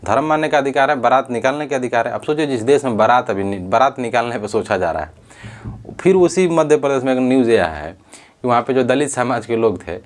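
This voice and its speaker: A man's voice: mid-range voice, expressive, fairly quick. A man giving earnest spoken commentary on a social issue, often restarting and correcting himself as he talks. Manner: earnest, repetitive, with frequent self-corrections.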